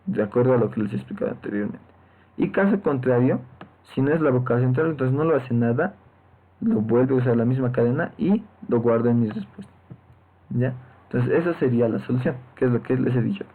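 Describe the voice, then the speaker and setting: A man's voice: mid-range voice, animated, brisk. A man teaching programming in a step-by-step lecture, often checking in with his students through short tag questions. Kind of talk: screen-recorded lecture. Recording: tinny lo-fi phone-like mic.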